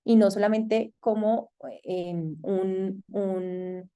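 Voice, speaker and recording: A woman with a Colombian accent giving an online masterclass, thoughtful and hesitant, pausing often with fillers. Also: mid-range voice, little pitch movement, dark tone, clean tone, dull audio. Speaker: masterclass lecturer. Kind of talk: online lecture.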